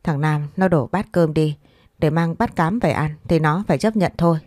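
A woman's voice: deep voice, normal speed, a little mellow, no room sound, clean studio sound. A woman voicing a weary, regretful older mother-in-law who sighs and complains. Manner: sighing, complaining.

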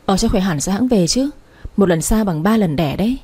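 A woman's voice: medium pitch, expressive, a little fast, a little mellow, breathy edge. A woman voicing a blunt, chatty young female best friend.

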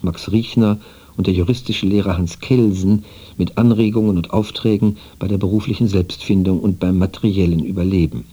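A man reads a scripted radio documentary in a formal, even, literary manner. His voice sits low and sounds dark and slightly husky. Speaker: narrator. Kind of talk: scripted radio feature narration.

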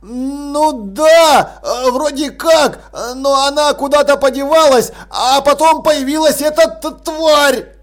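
A man's voice: very high-pitched, slow pace, voice pushed up. A man doing a stammering frightened thief. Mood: whining. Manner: stammering, pleading. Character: frightened male thief leader, whining.

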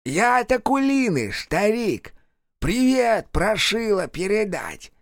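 In this spoken horror story, a toothless, half-mad village ex-chairman, as a male narrator voices him, jeers in a shrill, strained voice pitched far above normal. He stretches his words slowly and strangely, and turns pompous and booming when he proclaims. The recording is close and dry. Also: sing-song, dry recording, exaggerated voice. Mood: jeering.

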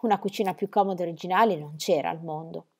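A woman reading a children's novel aloud with expressive storytelling. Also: lowish voice, fast talker, breathy edge. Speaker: reader.

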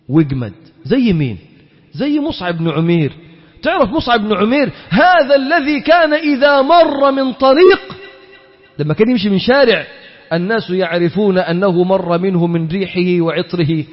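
A high-voiced Egyptian man preaching a sermon, his pitch leaping up and down as he throws questions at the crowd and acts out exchanges. The sound is dull and lo-fi, with a long hall reverb behind every line. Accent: Egyptian Arabic. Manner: animated, rhetorical questions, acts out dialogues.

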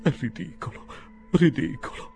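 A man voicing an indignant elderly gentleman who bursts out in high, vehement exclamations. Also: lively intonation, moderate pace, vocal fry, faint music behind. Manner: high-pitched, exclamatory outbursts.

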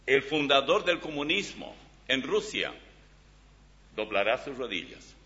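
A man preaching with animated, emphatic delivery, his voice swinging from soft to loud. His tone is bright and his pitch moves a lot. The recording is dull and lo-fi, with a long hall reverb. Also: measured pace. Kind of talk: sermon with Bible reading.

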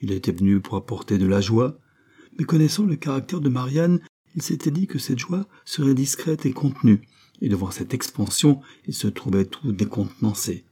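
A man narrating a novel aloud in a measured, even storytelling manner. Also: medium pitch, husky. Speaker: audiobook reader. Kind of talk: scripted narration.

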